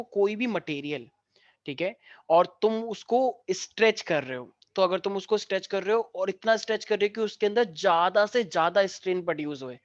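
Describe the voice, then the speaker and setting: Teaching physics online, a man with a high-sitting voice weaves jokey stories into the lesson and dictates notes slowly. The recording is dry, echo-free, and has a dull lo-fi quality.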